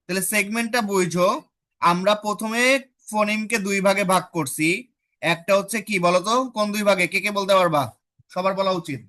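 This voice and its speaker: Bright-voiced woman teaching phonetics. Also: medium pitch. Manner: quizzes students with repeated questions; models vowel sounds slowly. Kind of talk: online phonetics class.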